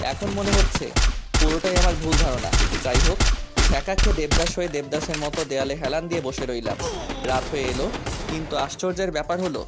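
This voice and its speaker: A man narrating a first-person romantic story in a playful, cheeky way. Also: a little high. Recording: loud background music.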